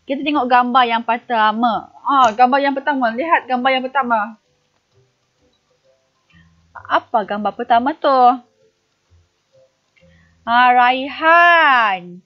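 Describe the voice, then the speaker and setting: A woman's voice: fairly high pitch, moderate pace, pauses often, lo-fi sound, faint music behind. A woman primary school teacher giving a recorded online lesson, patiently asking the pupils questions and answering them herself.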